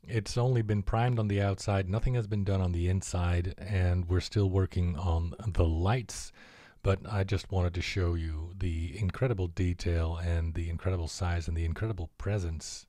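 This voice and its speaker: A man giving a relaxed, casual product update about a prototype, with frequent filler words. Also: sits low, normal speed, dry recording, studio quality. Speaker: collectibles maker presenting a prototype.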